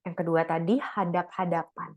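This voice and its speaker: A woman's voice: fairly low pitch, fairly even intonation, normal speed, darkish tone. A middle-aged woman, giving a casual talk to a church couples' group, chatty, slangy and laughing often. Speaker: speaker at a church couples' fellowship.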